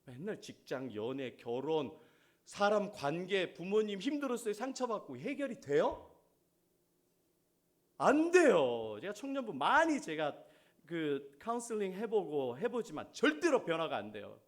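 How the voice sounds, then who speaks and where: Animated high-pitched male preacher. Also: moderate pace. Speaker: pastor. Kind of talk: sermon.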